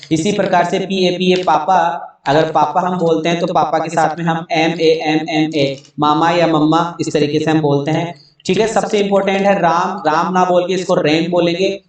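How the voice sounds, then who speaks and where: A man's voice: a little high, darkish tone, heavy reverb, far from the mic. A man teaching an online English grammar lesson, spelling words out letter by letter and answering his own questions.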